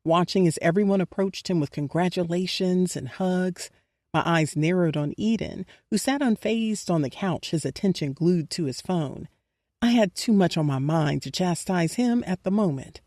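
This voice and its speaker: A woman reads a first-person audiobook with mellow, dark warmth and an intimate, emotional delivery. The recording is dry and close to the mic. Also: fairly low pitch, dry recording. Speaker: audiobook narrator.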